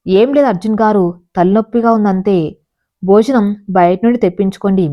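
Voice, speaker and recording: A woman voicing a grieving stepmother who speaks quietly, holding back her hurt, in a storybook reading. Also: medium pitch, moderate pace, dull audio, natural voice. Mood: pleading.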